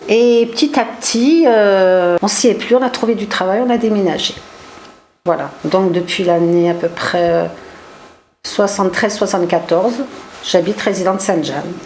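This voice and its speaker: A woman's voice: mid-range voice, moderate pace, a little mellow, slight background noise. A woman from Lorraine, chatty and emphatic, speaking in a documentary interview. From Lorraine, France. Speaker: resident.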